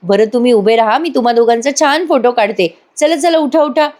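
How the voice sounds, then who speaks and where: A woman's voice: on the high side, fairly quick, a little mellow, pitched above the performer's own voice, close to an everyday voice. A woman voicing a shy, self-conscious young wife in a spoken recap of a TV serial. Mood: shy, warm.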